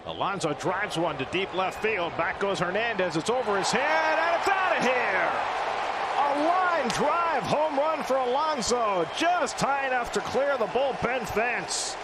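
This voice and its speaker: A man doing live baseball play-by-play, making an excited home run call and drawing out and shouting the key phrases. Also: very high voice, measured pace. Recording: loud crowd noise over broadcast commentary. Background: roaring stadium crowd.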